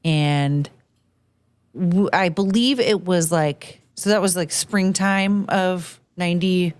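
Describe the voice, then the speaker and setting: A woman in her thirties, casually chatting on a late-night show and telling an animated, ranting story. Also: lowish voice, takes it slowly. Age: 30s.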